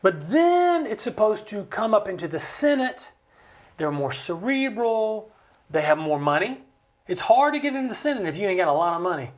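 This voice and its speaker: An American man speaking as a studio interview guest. He explains with passion and acts out other people's voices with big swings in pitch. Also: sing-song, normal speed. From United States. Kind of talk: impassioned conversational explanation. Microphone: studio mic.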